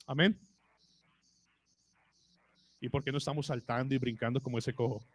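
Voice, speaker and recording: A man's voice: mid-range voice, steady tone, moderate pace, husky. A male pastor with a Colombian Spanish accent preaching a sermon to his congregation, asking them rhetorical questions. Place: church.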